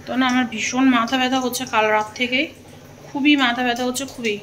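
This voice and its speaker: A woman's voice: fairly high pitch, steady tone, fast talker, a bit bright, a little hiss or hum. A woman, chatting casually in a home kitchen as she cooks. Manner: chatty, homely, talks while cooking. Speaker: vlogger. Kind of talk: casual cooking vlog chat.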